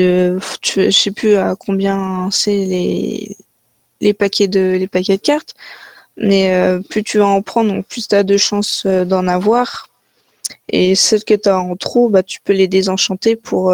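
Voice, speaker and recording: Female panelist, slow and monotone with a gravelly edge, dry sound. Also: mid-range voice, no echo. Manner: slow, hesitant, many fillers. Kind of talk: casual chat.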